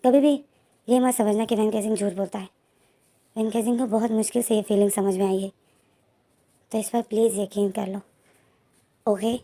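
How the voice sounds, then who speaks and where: A woman voicing a doting older man who speaks in a soft, affectionate, coaxing way, read in a storybook retelling. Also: medium pitch, steady tone, moderate pace, long pauses, close to an everyday voice. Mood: tender.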